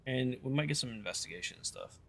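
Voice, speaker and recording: A man's voice: mid-range voice, animated, fast talker, vocal fry, slight background noise. A man streaming a video game, chatting casually and thinking aloud in a rambling way with lots of fillers. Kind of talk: casual gaming stream chat.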